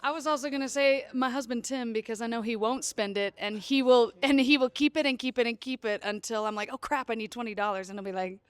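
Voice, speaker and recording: A woman's voice: fairly high pitch, quick pace, few pauses, clean tone, no room sound. A woman guest in a casual group chat, telling a story animatedly and imitating other people's voices. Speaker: guest castmate.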